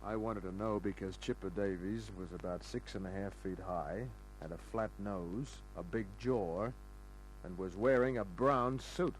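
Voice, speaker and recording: Man playing Larry Kent, low-voiced needling private eye. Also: unhurried, natural voice. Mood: cool, probing. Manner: wry, taunting tough talk. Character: cool, needling, hard-boiled male private detective. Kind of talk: old-time radio crime drama acting with first-person narration. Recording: noisy, humming old radio recording.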